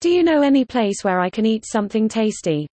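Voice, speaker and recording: Lively, measured woman reading lesson sentences. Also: on the high side, no room sound. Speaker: language-lesson narrator. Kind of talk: scripted example sentences for learners.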